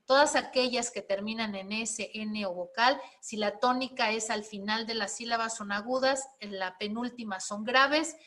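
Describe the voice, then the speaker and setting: A woman's voice: a little high, normal speed, few pauses, fairly bright tone. A woman teaching a spelling and writing class, explaining step by step and often checking in with her students. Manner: explanatory, checks in with frequent questions.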